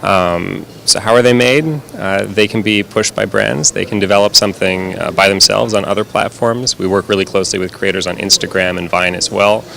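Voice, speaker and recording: A man with a very deep, gravelly voice that still has a bright, forceful edge. He answers interview questions in a casual, thoughtful way, with a few fillers. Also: steady tone, normal speed, hardly any pauses. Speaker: brand strategist.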